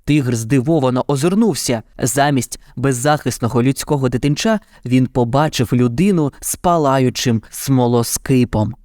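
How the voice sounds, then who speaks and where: A man narrating a children's fairy tale in an even, dramatic storytelling manner. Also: medium pitch, normal speed, few pauses, no echo, clean studio sound.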